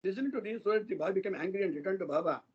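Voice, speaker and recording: A man's voice: high-pitched, racing, breathy edge. A man giving a devotional satsang talk, earnestly retelling stories of saints in a loose, flowing way. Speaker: satsang speaker. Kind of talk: devotional storytelling discourse. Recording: dull lo-fi online satsang audio.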